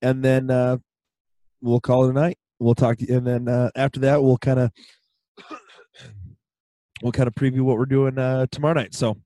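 Hoarse male podcast host, mellow and close. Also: mid-range voice, flat delivery, no echo. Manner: halting, with frequent throat clearing. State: hoarse, voice partly lost after a cold. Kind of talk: casual solo sports podcast talk.

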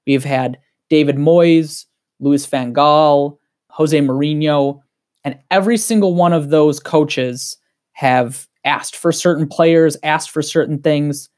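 A man with a Wisconsin accent and a somewhat high voice appears as a guest on a casual podcast, speaking in an excited, heated and rambling way.

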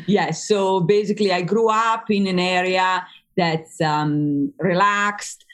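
A native Italian speaker from northern Italy, with an Italian accent and a lowish voice, appears as a psychologist guest in a podcast interview. She's chatty, often pausing on fillers and restarting her sentences.

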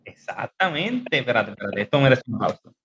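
A man's voice: mid-range voice, very animated, a little fast, muffled recording, heavy background noise. A man hosting a casual podcast, teaching about biblical Greek with many fillers and restarts over a video call. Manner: hesitant, many fillers and restarts, laughs easily.

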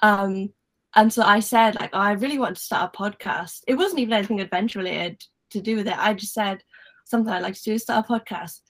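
A young Welsh-accented woman hosts a casual podcast chat over a remote call, speaking at a medium pitch and quick pace. She's chatty, upbeat and giggly, packing her speech with fillers and lots of "like."

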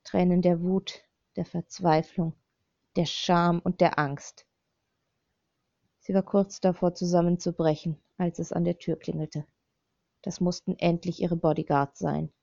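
A woman's voice: fairly low pitch, a little slow, vocal fry, no room sound. A woman narrating an audiobook in scripted narration, reading steadily, on a slightly dull, dry recording. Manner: steady, even reading of a dark thriller.

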